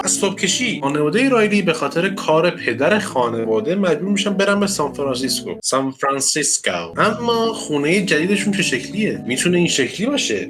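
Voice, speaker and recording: A man tells a film story for laughs. His voice is fairly high and swings widely up and down. Soft guitar music plays behind him, and he keeps breaking into goofy voices. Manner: playful, jumps into silly character voices. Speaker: comedic film recap narrator. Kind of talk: comedic narration with voiced characters.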